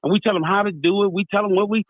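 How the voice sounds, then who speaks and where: Speaking very fast in a high voice with fairly even intonation, this American talk radio host debates with passion in a casual way. He tells stories, performs the dialogue, and keeps saying "you know what I mean." There's no room sound, and the audio is tinny like a phone line.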